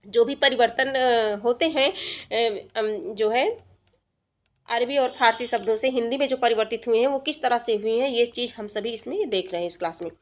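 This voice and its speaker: A woman with a fairly high voice runs an exam-prep grammar lesson. She explains patiently, repeating each point and pausing on fillers. She often poses a question to her students and answers it herself. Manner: asks the class questions and answers them herself. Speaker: teacher.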